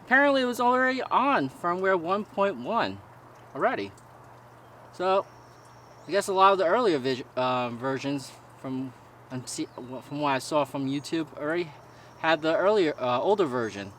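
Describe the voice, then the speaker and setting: A man giving a casual product review in a halting, informal way, stumbling over words now and then. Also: fairly high pitch, lively intonation, a bit bright. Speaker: gear reviewer. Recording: noisy raw camera-mic audio with ambience.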